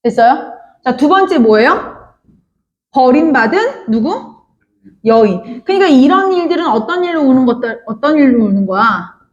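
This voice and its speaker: A woman with a high, animated voice gives a classroom literature lecture at a normal pace, heard through a muffled recording. She frequently calls out to her students and keeps checking whether they've understood.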